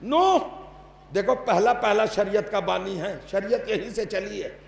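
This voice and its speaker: A middle-aged man delivering a fervent religious sermon to a gathered audience, his voice pitched extremely high for a man. He peppers the listeners with rhetorical questions and rises into shouted, oratorical peaks before dropping to low, confiding asides. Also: gravelly, breathy edge. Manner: drops to low, intimate asides between outbursts. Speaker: Shia cleric preaching a majlis.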